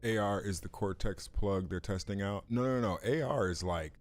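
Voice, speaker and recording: A man's voice: lowish voice, normal speed. A man hosting a live stream, talking casually and rambling as he explains things, swearing freely, with the hiccups. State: has the hiccups. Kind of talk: casual chat.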